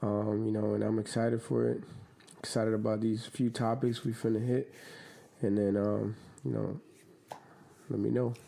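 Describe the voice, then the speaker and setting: A Dominican clothing brand owner, guesting on a podcast, chats casually in a laid-back, slangy way packed with fillers. His gravelly, dark voice sits on the low side with little pitch movement, moving at a moderate pace with frequent pauses.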